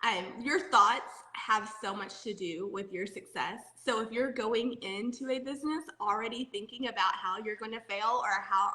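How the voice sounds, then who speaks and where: Woman podcast co-host, bright tone, slightly high, casual and animated. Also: echoey room. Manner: animated, emphatic, laughs often. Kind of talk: casual chat.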